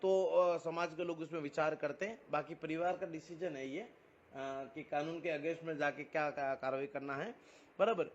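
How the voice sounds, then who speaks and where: His voice is on the high side, with fairly even intonation and a moderate pace, as this community activist from Rajasthan, India, argues over the phone. He speaks with a Rajasthani accent, insistently explaining and repeating himself. The phone recording is muffled and lo-fi.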